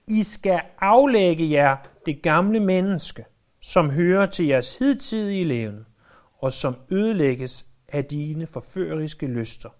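A man's voice: a little high, lively intonation, a little mellow. A man preaching a sermon in an earnest, emphatic way, repeating key phrases for weight.

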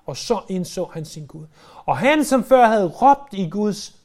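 A man with a high voice delivers a sermon. He tells the story vividly and drags out the words he wants to land, drawing the congregation into the account. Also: animated, a little mellow. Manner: vivid storytelling, slowing down to stress key words. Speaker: preacher.

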